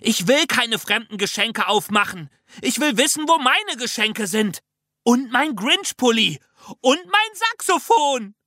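A reader voicing a tearful, excitable little girl with a high, squeaky voice that breaks into sobs, for a children's audiobook. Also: slow pace, no room sound, studio quality, full character voice. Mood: whiny sobbing.

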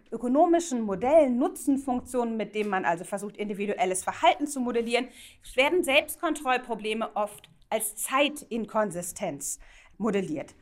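A middle-aged woman delivers a university lecture. She explains carefully, poses rhetorical questions to her listeners and often checks in with short tag questions between points. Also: on the high side. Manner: many "ja?" check-ins and "ähm" fillers.

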